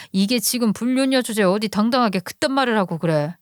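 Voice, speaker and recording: Furious betrayed wife, played by the narrator. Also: female voice, a little high, lively intonation, normal speed, no room sound, studio quality, close to an everyday voice. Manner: sharp, cursing, indignant. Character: furious betrayed wife, woman with two children.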